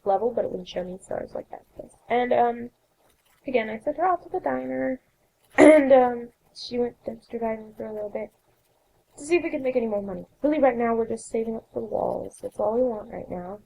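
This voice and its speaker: Raspy young woman narrating gameplay. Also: a little high, a little fast, dark tone, rough recording. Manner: chatty, rambling, self-correcting. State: coughing, sore throat. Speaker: let's play host.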